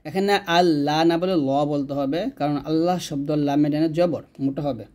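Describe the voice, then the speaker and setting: A man teaching Quran recitation, chanting each verse slowly and drawn out, then explaining the letters and pauses. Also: on the high side, fairly even intonation, a little mellow. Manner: slow drawn-out chanting of verses between quick spoken explanations.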